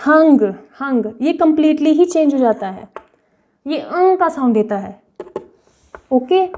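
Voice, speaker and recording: High, mellow-voiced woman teaching language. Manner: explains patiently, often checks understanding with "right?" and "okay?"; repeats example words slowly and clearly. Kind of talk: online language lesson.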